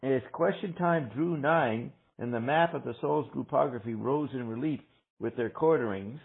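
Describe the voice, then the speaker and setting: Male book-group reader, deliberate delivery, rough husky voice, narrow-band call sound. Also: medium pitch. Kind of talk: reading dense literary prose aloud with discussion.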